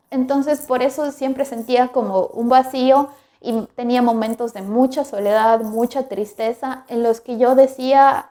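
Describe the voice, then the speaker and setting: A woman in her twenties from Ecuador, hosting a podcast and telling her own story in a reflective, candid way. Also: fairly high pitch. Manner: reflective and candid, warm direct address to listener. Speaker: podcast host. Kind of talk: personal storytelling monologue.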